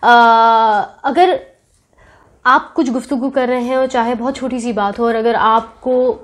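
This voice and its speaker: A woman answering interview questions in an earnest, thoughtful way, pausing often and mixing English words into her speech. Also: fairly high pitch, steady tone. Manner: earnest, thoughtful, talks at length, with frequent pauses. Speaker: interview guest. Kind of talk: reflective interview conversation.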